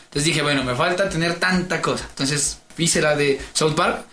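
Bright-voiced man telling stories. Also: fairly high pitch, moderate pace, roomy sound, a little hiss or hum. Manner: animated storyteller, mimics accents. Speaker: podcast co-host. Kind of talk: casual chat.

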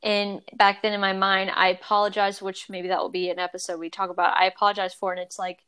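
A woman's voice: medium pitch, little pitch movement, quick pace, fairly bright tone, clean tone. A young woman co-hosting a casual chat podcast, rambling with many restarts and filler words. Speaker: podcast co-host.

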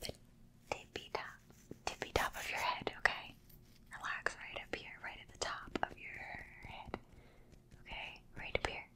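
A woman whispering softly through a whole ASMR roleplay, close to the microphone, repeating gentle words and coaxing the listener to relax. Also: normal speed, pauses often. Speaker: ASMR creator.

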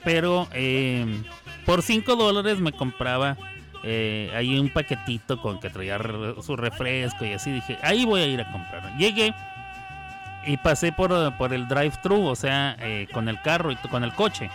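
With music playing behind him, a Mexican-accented radio host chats casually, poking fun at listeners as he reads out what they've written. He speaks a little slowly, in a medium pitch with big swings.

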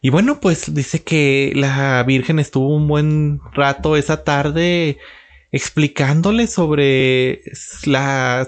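A man telling a religious story in an unscripted way, pausing often with filler sounds as he goes. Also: a little high.

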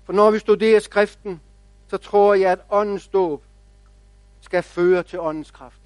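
A man pastor preaching a sermon, telling stories in a measured, reflective way with quiet pauses. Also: sits high, fairly even intonation, smooth, no room sound.

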